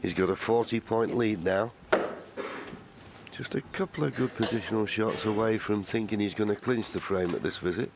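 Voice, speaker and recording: A man giving measured, understated live commentary on a snooker match. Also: lowish voice. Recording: faint live arena noise.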